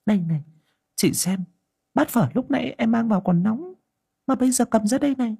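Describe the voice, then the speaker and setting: Man doing a hushed, anxious village woman. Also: very high-pitched, expressive, gravelly, breathy edge, dry recording, clean studio sound, pitched above the performer's own voice, exaggerated voice. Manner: hushed, rushing whisper, anxious. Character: worried younger village woman, hushed and confiding.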